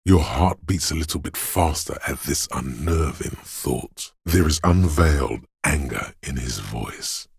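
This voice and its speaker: A man's inner voice of raw fight-or-flight aggression for a dramatic video game. The voice is an extremely low, gravel-thick bass, rasping and slow. He narrates with menace and paranoia, goading the listener deliberately. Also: expressive, dry recording, studio quality, heavily acted. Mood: ominous narration.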